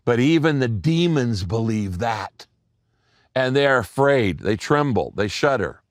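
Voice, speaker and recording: A male pastor preaching a sermon with emphatic, repeated phrases and deliberate pauses. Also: mid-range voice, big pitch swings, no room sound, studio quality.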